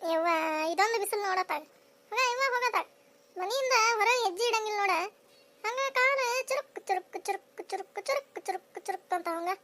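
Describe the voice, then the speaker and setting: A voice actor playing bickering, nosy village women in a cartoon, with a North Karnataka Kannada accent and a sped-up, high-pitched voice. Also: pushed and bright, slight background noise. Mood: grumbling. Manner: shrill, scolding, quick back-and-forth banter. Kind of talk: cartoon voice acting.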